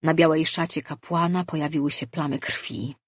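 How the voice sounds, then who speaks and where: An audiobook narrator reading a fantasy novel in a measured, even storytelling manner, with a husky voice. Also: medium pitch, no echo, studio quality.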